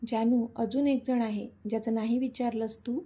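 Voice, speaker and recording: Storybook best friend, insistent and emotional, read by a woman; husky, mellow voice. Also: fairly high pitch, fairly even intonation, moderate pace. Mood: fond. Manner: pleading, insistent.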